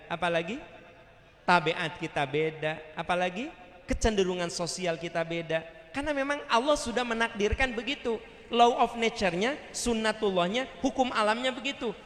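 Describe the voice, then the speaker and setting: Man preaching, Sundanese accent, fairly high voice, emphatic and lively, booming hall reverb. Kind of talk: sermon. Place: large hall at a community religious gathering. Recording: echoey hall with long reverb.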